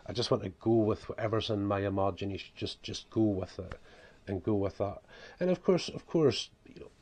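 A fairly low, darkish voice comes from a broad-accented Scottish vlogger and author in his forties, who talks a little fast. He rambles casually and off the cuff to camera in a small room at home, frequently saying "you know."

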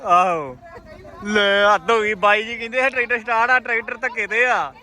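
High-pitched, hearty man bantering outdoors. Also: fairly even intonation, moderate pace, bright, forceful tone. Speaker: vlogger. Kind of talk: casual vlog commentary, joking banter with workers. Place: outdoors at a riverside sand-loading site with tractors.

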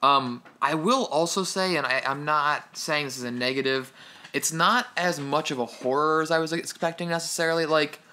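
A man with a slightly high voice and a sharp tone speaks at a normal speed. He co-hosts a podcast and chats casually about a film, hesitating and restarting often.

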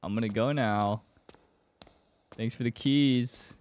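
A young adult man streams horror games from a small indoor bedroom setup, commenting live while wearing headphones and speaking close to a desk mic. His mid-range voice moves slowly, yet he's jumpy and excitable, often yelping and screaming. Game sounds and clicks play behind him.

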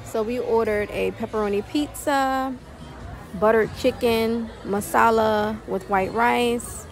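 A woman's voice: a little high, steady tone, takes it slowly, over music, a crowd in the background. A young adult woman narrating a family travel vlog, chatty, reviewing a restaurant and its food. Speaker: family vlogger.

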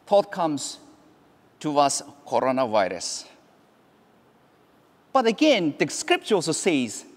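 A priest in his forties gives a homily in a fairly high male voice. He speaks slowly, pausing between short phrases, with long cathedral-like echo around him. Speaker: priest preaching. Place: brick-walled church, at lectern. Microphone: gooseneck lectern microphone.

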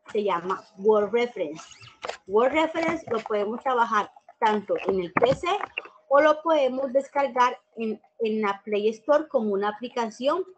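Woman teacher, fairly high voice, casual explanatory tone, faint hiss behind. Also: dull audio. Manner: informal, explanatory, with fillers and repeated examples. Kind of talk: screen-recorded tutorial explanation.

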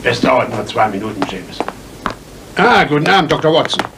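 A dutiful police inspector in a German radio drama. His mid-pitched voice swings widely, sounding easily astonished, with faint noise in the background. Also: big pitch swings, normal speed, creaky. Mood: polite. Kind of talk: German radio play acting.

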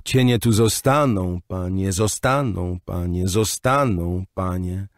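A mad old court jester, put on by a man reading an audiobook chants his nonsense verses in a slow, lilting singsong. The voice is low and husky, and it swoops widely in pitch. It sounds dry and close, as if right at the mic. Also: big pitch swings, darkish tone, no echo, exaggerated voice. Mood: chanting.

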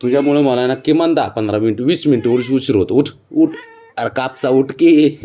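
A man's voice: mid-range voice, moderate pace, dark tone, a little hiss or hum. A man at home chatting to his cat, coaxing and teasing it in baby talk. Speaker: cat owner filming his pet. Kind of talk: casual talk to a pet.

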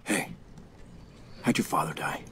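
A man's voice: measured pace, fairly bright tone, slight background noise, close to an everyday voice. A man playing a desperate time-looped husband in a game. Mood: insistent. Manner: urgent, pressing questions. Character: desperate young husband trapped in a time loop.

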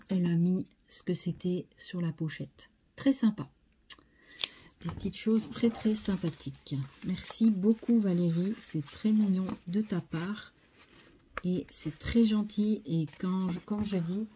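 A woman's voice: lowish voice, warm tone, a little hiss or hum. A French woman hosting a scrapbooking video, chatting casually as she shows craft mail and repeating how nice each piece is. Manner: chatty, enthusiastic, repeats "très sympa".

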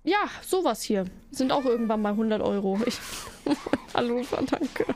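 A woman's voice: on the high side, expressive, measured pace, darkish tone. A young woman streamer chatting casually, flustered and giggly as she thanks her viewers. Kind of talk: casual live stream chat.

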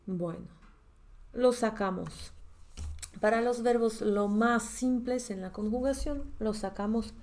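A woman with a Polish accent, a language teacher thinking aloud as she prepares a grammar lesson, repeating words slowly while she checks them. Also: on the high side, a little mellow. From Poland.

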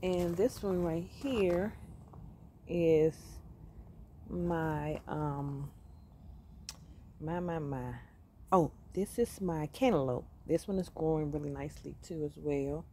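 A woman with a lowish, mellow voice walks through her outdoor container garden, filming on a phone held close. She chats in an upbeat, grateful way, pausing often and filling the gaps with little fillers. Faint outdoor ambience sits behind her. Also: a little hiss or hum. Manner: upbeat and grateful, chatty with many pauses and fillers. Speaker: home gardener giving a garden tour. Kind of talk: casual walk-through narration. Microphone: phone camera held close while filming plants.

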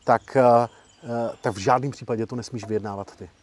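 Husky man explaining negotiation tactics. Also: fairly low pitch. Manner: lively, emphatic, acts out example quotes. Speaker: professional negotiator, guest speaker. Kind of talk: explanatory interview talk.

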